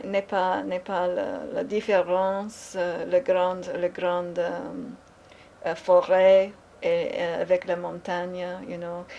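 A woman practicing French in a halting monologue. She hesitates a lot, fills pauses with long sounds and slips into English. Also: on the low side, gravelly, darkish tone, a little hiss or hum. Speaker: French learner. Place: home in Dallas, Texas.

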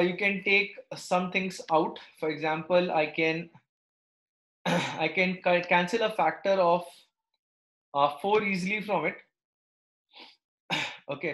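A man's voice: high voice, a bit bright. A man teaching maths live, working through steps aloud and checking understanding with short questions. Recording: echoey, roomy sound.

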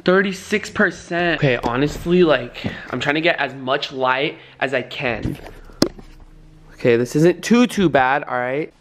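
A young man with a somewhat high voice vlogs casually into a handheld camera. He is nervous and slangy, often muttering to himself, with faint noise in the recording. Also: unhurried, fairly bright tone. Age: 20s. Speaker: vlogger. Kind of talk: casual vlog chat to camera. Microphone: handheld camera at arm's length.

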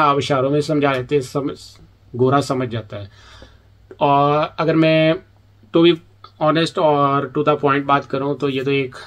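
A man from Pakistan, an international student in the UK, giving chatty advice in a casual vlog and acting out little exchanges as he talks. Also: medium pitch. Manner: chatty, acts out quoted exchanges.

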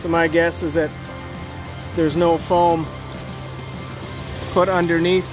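A man's voice: on the high side, flat delivery, slow, music in the background. A man giving a plain, practical walkthrough outdoors by a backyard stream, thinking aloud while filming on a handheld phone. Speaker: water feature installer. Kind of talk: walkthrough narration while inspecting. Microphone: handheld phone camera.

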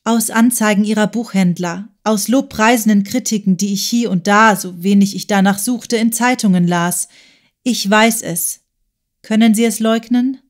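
A woman's voice: mid-range voice, moderate pace, close to an everyday voice. A woman voicing a stern, principled middle-aged woman in an audiobook, speaking firmly and reproachfully. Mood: relentless. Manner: firm, earnest, reproachful. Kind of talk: audiobook character voice.

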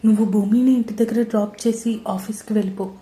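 A woman's voice: medium pitch, steady tone, fast, dark tone, lightly acted. A woman voicing a hurt, sulky young woman who speaks sharply and tearfully, in a roomy-sounding recording. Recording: roomy echo.

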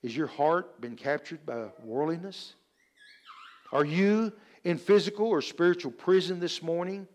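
A man's voice: fairly high pitch, unhurried. A man preaching a sermon, telling scripture and personal stories with earnest emphasis.

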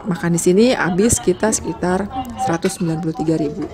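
A woman with an Indonesian accent narrates a road trip vlog in a chatty, casual voice-over, talking fast at a fairly low pitch. She lists costs and trails off with fillers, while crowd noise and loud background music play behind her.

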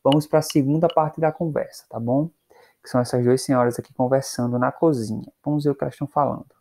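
A man's voice: mid-range voice, fairly even intonation, darkish tone. A man with a Brazilian Portuguese accent teaching English in a recorded lesson, patiently explaining phrases and checking in with his students. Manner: slows down to model English phrases.

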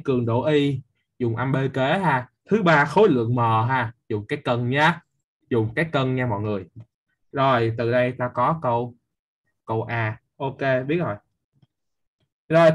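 Husky, lively teacher. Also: male voice, medium pitch, moderate pace. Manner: lively, quizzing students by name, teasing. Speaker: physics teacher. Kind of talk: live online class quiz review.

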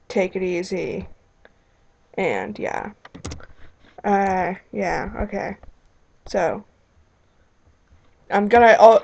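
A woman's voice: medium pitch, darkish tone, low-quality recording. A young woman casually commenting on her gameplay, rambling with exclamations and muttered asides at her computer mic. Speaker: let's play host.

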